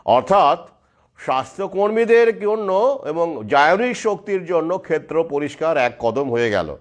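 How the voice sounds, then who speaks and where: A man's voice: on the high side, sing-song, measured pace. A man speaking straight to his viewers in an urgent monologue, stressing his points with rhetorical questions. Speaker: video commentator.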